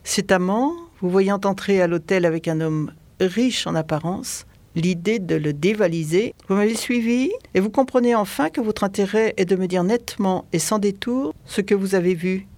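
A reader playing a seasoned police commissioner who presses a suspect step by step. His questions are measured but insistent. The sound is dry and close. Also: medium pitch, a little mellow, no echo, lightly acted. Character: patient, probing middle-aged male police commissioner.

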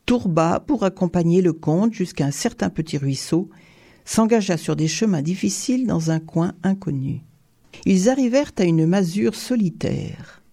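A measured audiobook narrator telling a tale at an even pace. The voice has a gravelly grain and a mellow, dark tone, at a middle pitch. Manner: measured storytelling.

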